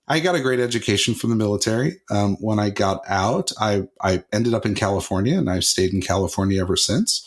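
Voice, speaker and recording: A middle-aged man. He speaks as a co-host in a casual, conversational introduction. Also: deep voice. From Mississippi, US South. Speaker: podcast co-host.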